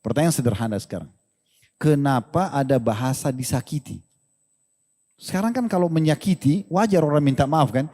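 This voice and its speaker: A man teaching religion in a lively question-and-answer sermon, joking and acting out little dialogues. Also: fairly high pitch, normal speed, in a large hall. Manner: animated, joking, acts out quoted dialogue.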